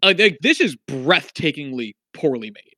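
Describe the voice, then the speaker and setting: A man's voice: on the high side, big pitch swings, normal speed, sharp tone, no room sound. A man co-hosting a casual film review chat, rambling with lots of fillers and wry asides. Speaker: podcast co-host.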